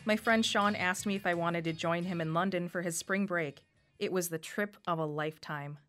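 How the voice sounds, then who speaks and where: A woman in her thirties from Wisconsin, USA, with a Wisconsin accent and a lowish voice, reads a personal story for radio at a moderate pace. It's scripted first-person narration delivered reflectively, with faint music behind her.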